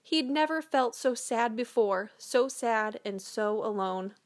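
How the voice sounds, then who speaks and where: Higher-pitched woman reading a picture book. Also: lively intonation, slow. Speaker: storyteller. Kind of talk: children's picture book read-aloud narration.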